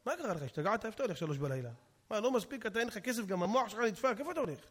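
A man's voice: lively intonation, fairly bright tone, husky, full character voice. A man voicing a poor man's frantic wife, who scolds and wails at her husband in a told story. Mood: scornful scolding. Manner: shrill, wailing, scolding.

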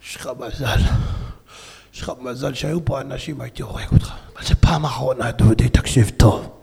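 A man's voice: medium pitch, fairly even intonation, vocal fry, mellow, breathy edge, voice pushed down, exaggerated voice. A man doing a huge growling bus thug. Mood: menacing. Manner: threatening, growling. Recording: long hall reverb.

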